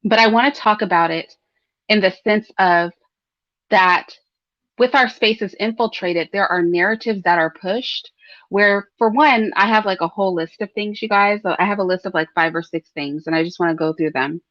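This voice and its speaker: Hosting a commentary livestream, this woman shares solo opinions at a normal speed in a mid-range, slightly bright voice, talking casually straight to her audience and tossing in rhetorical tag questions. Throat clearing comes up often. The sound is dry and close, a bit dull and lo-fi, without echo.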